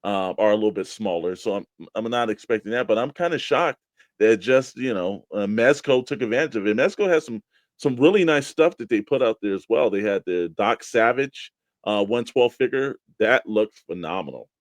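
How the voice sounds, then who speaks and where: Casual, informal radio-show banter comes from another American man co-hosting the toy collecting program, who stresses words as he talks. His voice is lowish and animated, with a moderate pace and a dry recording.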